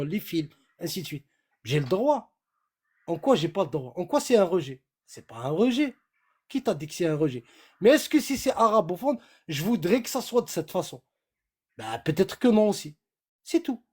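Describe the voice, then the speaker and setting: Emphatic husky man debating. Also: sits high, darkish tone. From Kabylie, Algeria. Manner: emphatic, repetitive, switches into Kabyle. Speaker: live debate speaker. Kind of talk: heated political debate.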